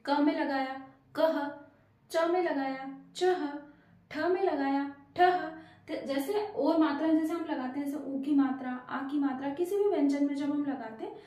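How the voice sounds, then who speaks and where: A high-voiced woman with a dark tone, speaking at normal speed, gives a language lesson to children as a Hindi teacher. She patiently asks her learners questions and praises them, and the room is very echoey.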